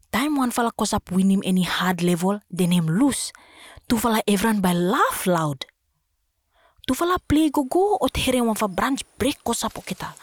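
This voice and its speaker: Solomon Islands woman telling a story, slightly husky. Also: medium pitch, no room sound, clean studio sound.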